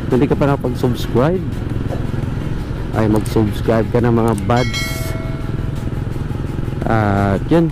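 A man's voice: medium pitch, takes it slowly, pauses often, over music, low-quality recording. A man with a Filipino accent, hosting a motorbike vlog in a casual, filler-heavy way. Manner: relaxed, filler-heavy talk with frequent "ah" and "mga buddy". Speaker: motovlogger host. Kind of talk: casual vlog talk to viewers.

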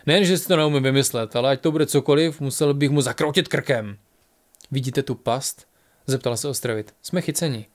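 A man narrating a fantasy fairy-tale audiobook, reading the heroes' dialogue and then addressing listeners directly. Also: mid-range voice.

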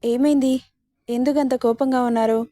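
A woman's voice: high voice, steady tone, normal speed, warm tone, no room sound, clean studio sound, natural voice. A woman voicing an affectionate young woman in a spoken romance story, in a coaxing, sweet manner.

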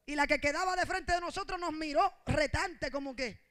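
High-pitched impassioned Puerto Rican woman preacher. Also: normal speed. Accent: Puerto Rican Spanish. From Puerto Rico. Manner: impassioned, swings between shouting and soft asides. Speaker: pastor. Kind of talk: sermon.

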